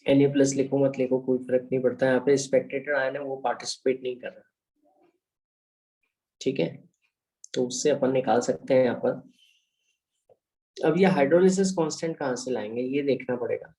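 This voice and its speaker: A man's voice: medium pitch, fairly even intonation, normal speed, long pauses, mellow, low-quality recording. A man with an Indian accent teaching a chemistry lecture, explaining step by step and mixing English phrases into Hindi while checking in with students. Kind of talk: online lecture explaining equations.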